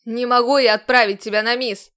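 A woman's voice: mid-range voice, little pitch movement, moderate pace, clean tone, close to an everyday voice. A woman reading an audiobook, voicing a stern, scornful male commander who talks in a harsh, commanding way. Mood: angry.

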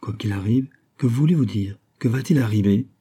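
Audiobook, earnest young lawyer read by a man, grave, low, husky voice. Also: moderate pace, dark tone. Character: earnest young male lawyer, serious and tender. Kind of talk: audiobook reading.

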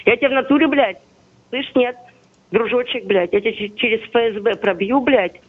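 A woman's voice: on the high side, brisk. A woman arguing angrily on a phone call, cursing and threatening nonstop. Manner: aggressive, swearing, threatening. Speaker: prank call target. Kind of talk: heated phone argument. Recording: tinny phone line.

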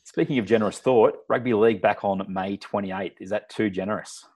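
Deep-voiced Australian man hosting a podcast. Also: a little fast, darkish tone. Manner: bantering, teasing. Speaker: podcast host. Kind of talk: casual sports podcast talk. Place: large echoey room at home.

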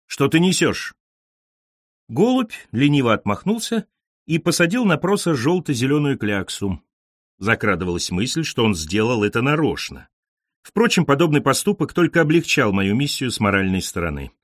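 A male narrator reads with a lively, swooping melody and a theatrical, ironic flair. His voice sits close on the mic, dry and without room sound, in the middle pitch for a man. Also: normal speed, dry recording. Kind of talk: dramatic literary reading.

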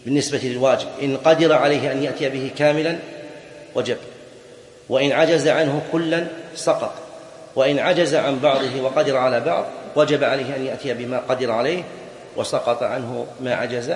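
A man's voice: medium pitch, steady tone, fairly quick. A man teaching a classroom lesson on Islamic jurisprudence, explaining point by point, repeating key phrases and asking rhetorical questions. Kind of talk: classroom lecture on a fiqh text. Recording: echoey hall with long reverb.

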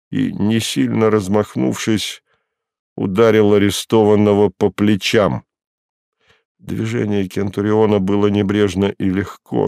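A man narrating a classic novel for an audiobook, reading in a measured, deliberate way. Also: on the low side, vocal fry, darkish tone, no room sound, clean studio sound.

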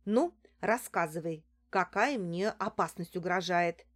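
A demanding, easily startled young woman from an audiobook, as the narrator plays her. She speaks higher than the narration, with sudden exclamations. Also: big pitch swings, moderate pace, darkish tone, husky.

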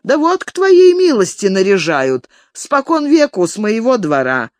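A reader voicing an old male village elder who grovels and pleads with his master, raising the voice high and thin. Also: very animated, unhurried, no echo, clean studio sound. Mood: wheedling. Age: older. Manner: wheedling, tearful pleading. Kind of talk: audiobook character reading.

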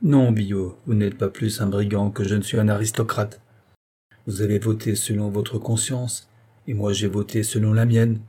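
A sorrowful, principled gentleman, as a man reads him, speaking slowly and gravely in a low, mellow voice. Each reply is calm and carefully reasoned.

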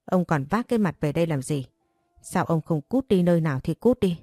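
An enraged middle-aged mother who wails and curses in a shrill way, as a woman narrator puts her on. The voice underneath stays mellow and low, and faint music plays behind the audiobook reading. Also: expressive, brisk, dry recording, clean studio sound. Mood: wailing. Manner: shrill scolding, cursing.

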